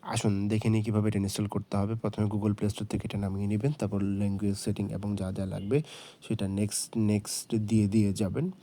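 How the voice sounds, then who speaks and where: A man giving a casual, chatty phone tutorial, self-mocking and filling pauses with "ah". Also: on the low side, flat delivery, mellow. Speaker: tech channel host. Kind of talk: casual screen-recording tutorial.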